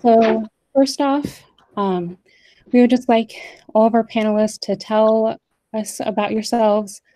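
Young woman reading bios, mellow voice. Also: a little high, steady tone, no echo, low-quality recording. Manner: measured, scripted reading. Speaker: panel moderator. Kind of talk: reading speaker bios on a video call. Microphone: video call.

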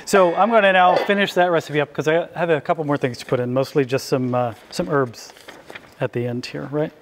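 His pitch is fairly high and his intonation fairly even as he talks a little fast. He's a middle-aged chef doing a casual cooking demo before a small crowd in an indoor hall, conversational and open to questions, with slight hiss or hum in the recording.

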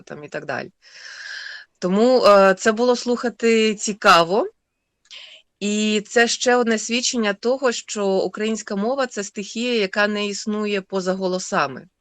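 A woman, the author of a text, talking thoughtfully on a radio show with many pauses and fillers. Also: mid-range voice, no room sound. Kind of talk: radio studio discussion.

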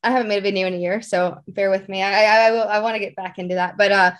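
A young woman appears as an interview guest, chatting informally at a racing pace in a steady, mid-pitched voice. She rambles through personal stories, leaning often on "like" and "you know".

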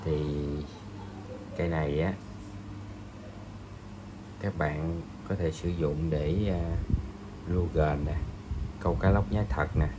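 Slow, deep-voiced man. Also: steady tone, noisy background. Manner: slow, hesitant, many pauses and fillers. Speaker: fishing gear reviewer. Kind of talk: product review voice-over.

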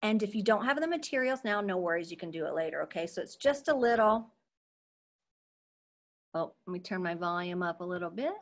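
A woman's voice: fairly low pitch, animated, a little fast. A young adult woman teaching an online marine science lesson to children over a video call, in an upbeat, chatty teacher voice that keeps checking in with "okay?". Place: at home.

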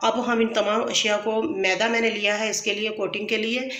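A woman hosts a cooking tutorial from her home kitchen, walking through each step patiently, frequently offering blessings and correcting herself. Her mid-range voice is a bit bright, with a flat delivery at a moderate pace. The kitchen sounds echoey.

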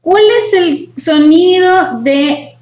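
A woman with a very high, slightly mellow voice explains English grammar in an online class, speaking extremely slowly and patiently and repeating each point with "right?". The sound is roomy and dull, with faint noise.

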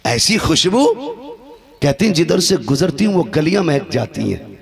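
A man preaching a sermon who acts out the story voices, dropping to hushed lows and rising to shouted peaks. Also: very animated, a little fast, vocal fry. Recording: live crowd behind the voice. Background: crowd responding.

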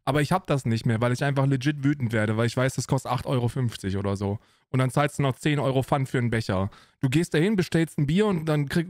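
A man's voice: mid-range voice, no echo. Slangy ranting streamer man, dry close mic. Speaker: streamer reacting to a video. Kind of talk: casual reaction commentary.

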